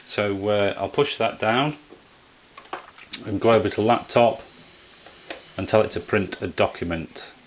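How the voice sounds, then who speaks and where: A man in an informal how-to video, standing indoors by a printer, explains the hands-on steps in plain terms. He talks unhurriedly in a lowish voice with long pauses, and background noise is present.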